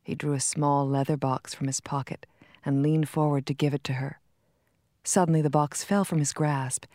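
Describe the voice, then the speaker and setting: A woman reads a short story aloud in a calm, measured way. Her voice sits low, and the recording is dry and close, with no room sound. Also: no room sound. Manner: calm, measured reading with soft quoted dialogue. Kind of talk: scripted narration of a short story.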